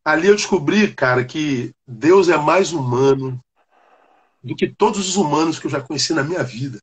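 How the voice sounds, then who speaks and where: Male pastor, husky and fairly high, animated testimony in a casual chat. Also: normal speed. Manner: animated storyteller, calls the listener "cara". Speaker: Baptist pastor. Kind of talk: personal testimony on a live chat.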